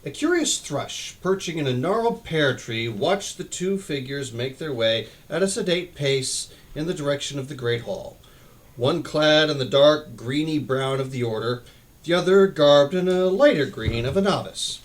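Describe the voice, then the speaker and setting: A man reads a novel aloud, his voice rising and falling with lively expression. He keeps an unhurried storytelling pace and corrects the odd stumbled word as he goes. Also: a little high. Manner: expressive, occasional slips and restarts. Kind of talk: reading a book aloud.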